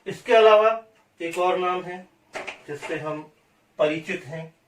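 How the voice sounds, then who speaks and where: A man's voice: sits high, takes it slowly, distant mic, slight background noise. A man from India teaching a maths lesson, repeating definitions and asking and answering his own questions, recorded in an echoey room away from the mic.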